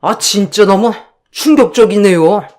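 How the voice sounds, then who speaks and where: A woman's voice: medium pitch, measured pace, darkish tone, lightly acted. A woman reading an indignant young husband. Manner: indignant, firm. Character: indignant husband, younger man, defending his wife.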